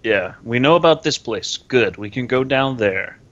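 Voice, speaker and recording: A man talks casually as a player in a tabletop role-playing game. His voice sits at an average pitch, and the recording is dull and lo-fi. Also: expressive, normal speed, fairly bright tone. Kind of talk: casual role-play chat. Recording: dull, lo-fi sound.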